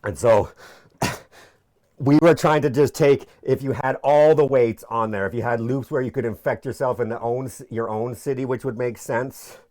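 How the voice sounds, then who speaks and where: A man's voice: mid-range voice, normal speed, darkish tone. A young man explaining his PhD research in an informal whiteboard lecture, chatty and jokey, often restarting his sentences. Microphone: camera mic.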